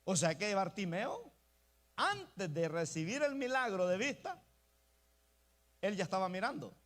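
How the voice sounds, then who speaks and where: A man's voice: high voice, big pitch swings, a little slow, fairly bright tone. A male pastor preaching an emphatic sermon, often calling out to the congregation as brothers. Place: church.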